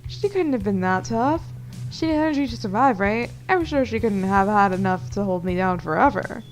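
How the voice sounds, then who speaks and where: A woman's voice: medium pitch, lively intonation, normal speed, soft background music. A young woman reading a visual novel aloud with playful, giggly commentary and the occasional swear. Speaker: let's play host.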